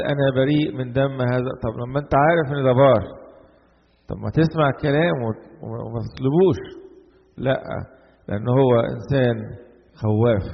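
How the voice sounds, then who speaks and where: An Egyptian man preaches a sermon in a slightly husky voice, posing rhetorical questions and answering them himself, swinging between emphatic bursts and low, quiet lines. The lo-fi recording carries the long reverb of a large hall. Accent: Egyptian Arabic.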